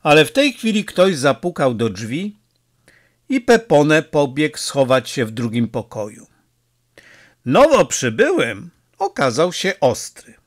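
A man reading an audiobook with expressive, measured delivery. His voice sits somewhat high and moves a great deal, and he takes his time with each phrase. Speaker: audiobook narrator. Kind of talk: audiobook narration.

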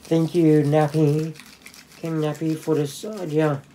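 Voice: medium pitch, little pitch movement, slow pace, dark tone, a little hiss or hum. Chatty, joking card-opening host. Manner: chatty and joking, hums little sound effects. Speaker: channel host. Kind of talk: casual card-opening commentary.

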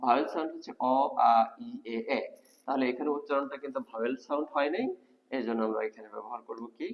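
In a grammar video lecture, a man explains English step by step and puts rhetorical questions to his class. His medium-pitched voice is a bit bright but muffled, with a hall's long reverb.

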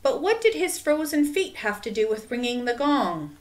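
A woman narrating a children's chapter book in an expressive, measured reading. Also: fairly high pitch. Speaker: audiobook narrator. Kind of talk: storybook narration.

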